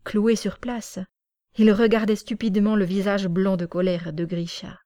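A woman narrating an audiobook in a slow, even storytelling manner. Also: medium pitch, no echo, clean studio sound.

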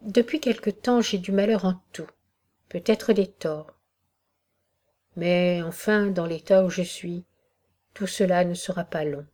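A sad, proud noblewoman past her youth speaks in a gloomy, resigned tone, as a woman reads her in an audiobook. The voice is soft and mellow, with a warm, dark color. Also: on the low side, unhurried, pauses often. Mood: weary. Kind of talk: audiobook reading of a classic novel.

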